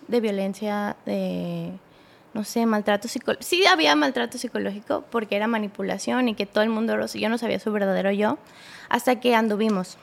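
Gravelly young Mexican woman recounting. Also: a little high. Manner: halting, with many restarts and acted-out quotes. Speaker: podcast guest. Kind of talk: casual personal storytelling.

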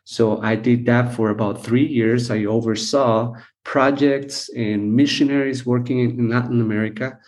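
A middle-aged man from Costa Rica recounts his path into ministry in a measured, unhurried way. He pauses often with small fillers. His voice sits at an ordinary pitch for a man. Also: steady tone, darkish tone. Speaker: missions team leader, guest. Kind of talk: relaxed personal storytelling.

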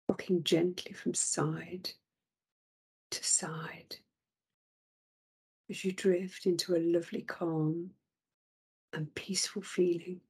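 A woman leads a guided relaxation at an unhurried, lingering pace, her voice low and gravelly. She speaks soothingly and often sinks into soft whispers, her tone heavily breathy throughout. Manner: slow, soothing, drifting into whispers.

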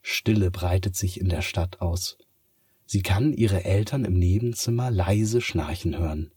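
A man narrating a bedtime story in a slow, soothing way. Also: sits low, warm tone, husky, no room sound, studio quality.

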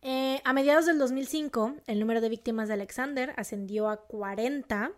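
With a slightly fast pace and a high-leaning voice, a young Monterrey native co-hosting a podcast tells a true crime story. She has a northern Mexican accent and keeps it casual, emphatic, and slang-heavy, with animated outbursts.

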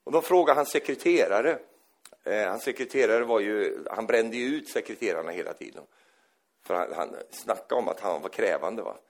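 A man preaching a sermon in an animated storytelling manner, often acting out the people he quotes. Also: fairly low pitch.

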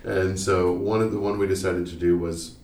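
A man's voice: sits low, flat delivery, normal speed, darkish tone. A man, co-hosting a podcast in casual chat and rambling through local history. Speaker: podcast co-host. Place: small study room. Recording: echoey room, mic at a distance, faint noise.

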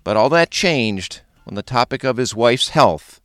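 A man hosting a radio show, reading scripted narration in a smooth announcer delivery. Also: mid-range voice, animated, measured pace, dry recording, clean studio sound.

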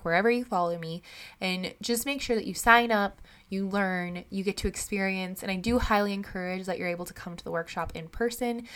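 A young woman hosts a podcast in a casual, rambling chat, her mid-range, slightly bright voice still raspy as she recovers from having lost it. She sounds chatty and upbeat and uses lots of fillers.

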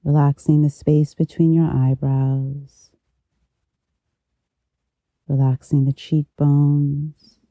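Meditation guide: dark, velvety voice, slow and even, soft and intimate, right in the ear. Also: medium pitch, no echo, lo-fi sound. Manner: slow, unhurried, gentle pauses. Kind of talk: guided meditation, soothing instruction.

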